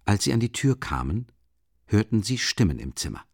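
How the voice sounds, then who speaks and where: A man narrating a literary audiobook in a measured, calm and deliberate way, recorded in a studio. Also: lowish voice, creaky, breathy edge, dry recording.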